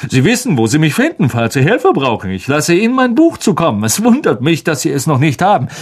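A man voicing a vain, pompous teacher who talks loudly and full of himself. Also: on the high side, wildly swooping pitch, a little fast, breathy edge, voice pushed up, heavily acted. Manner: pompous, loud and self-satisfied.

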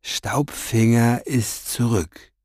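A man voicing a scheming, vain, gloating male villain in a storybook reading, with a velvety voice and a mocking, drawn-out, theatrical delivery. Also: medium pitch, lively intonation, a bit bright, no room sound, studio quality.

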